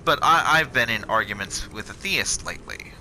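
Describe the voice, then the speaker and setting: A man's voice: medium pitch, expressive, moderate pace, background noise. A young man chatting casually and swearing freely as he plays a video game and rambles about work. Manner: rambling, profane, sarcastic. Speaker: channel host playing a video game. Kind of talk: casual chat over gameplay. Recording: game music behind.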